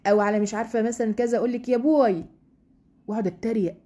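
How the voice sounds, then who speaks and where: Egyptian woman teaching a quran class, quick chatty delivery, dark husky voice, keeps asking the sisters questions. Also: on the high side, steady tone. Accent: Egyptian Arabic. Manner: conversational, full of rhetorical questions; slows down to recite verses. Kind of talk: casual religious lesson to women.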